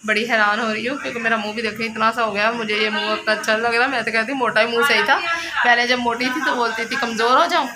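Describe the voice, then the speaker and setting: A woman's voice: fairly high pitch, fairly even intonation, quick pace. A woman in her thirties, a mother chatting casually to camera in a rambling home vlog. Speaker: vlogger, mother. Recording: loud background noise.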